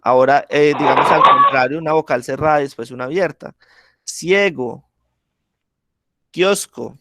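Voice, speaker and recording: A man's voice: mid-range voice, steady tone, fast, vocal fry, heavy background noise. A man teaching a class, explaining step by step with examples and often checking that students follow. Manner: keeps checking in with the class, asking ¿listo? and ¿sí?. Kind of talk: online class lesson.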